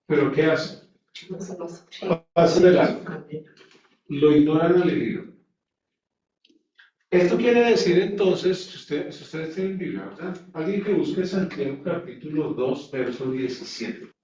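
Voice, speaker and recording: A man's voice: on the high side, warm tone, very echoey, a little hiss or hum. Man, Bible class teacher, emphatic preaching, rhetorical questions, distant mic, dull muffled sound.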